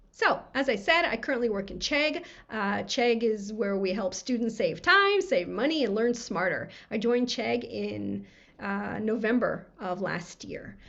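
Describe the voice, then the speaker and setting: An American woman giving a recorded conference talk, friendly and quick-talking, her voice scratchy from a cold. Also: medium pitch, creaky, fairly bright tone, dull audio. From USA. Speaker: conference speaker. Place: home room lined with books.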